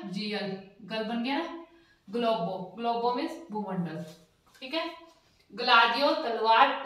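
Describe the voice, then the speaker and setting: Female teacher, casual lesson, slow spelled-out letters and repeated words; slightly high voice, far from the mic, heavy room echo. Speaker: language teacher. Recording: echoey room, voice a bit off-mic.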